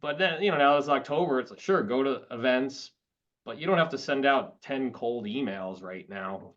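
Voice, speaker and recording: A man's voice: mid-range voice, animated, normal speed, fairly bright tone. A man who advises law students on careers, speaking on a panel and thinking aloud with frequent restarts. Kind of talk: panel discussion. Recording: slightly dull lo-fi audio.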